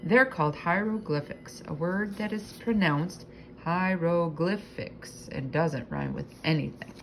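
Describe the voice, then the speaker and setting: Reading a children's storybook aloud, a woman takes her time and stretches out the important words with expressive delivery. Her voice is slightly low with clear vocal fry. The recording is rough, with a faint background noise.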